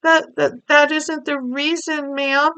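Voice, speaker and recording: A woman's voice: sits high, expressive, takes it slowly, a bit bright, no echo, pitched above the performer's own voice, full character voice. A woman voicing an oldish maid who talks in a deferential, stammering way. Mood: anxious.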